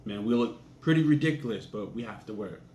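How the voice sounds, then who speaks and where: A man's voice: on the low side, lively intonation, fast talker, dark tone, muffled recording. A young man casually telling a crude personal anecdote in a laid-back, profane way. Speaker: storyteller. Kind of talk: casual storytelling. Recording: echoey room with faint ambient noise.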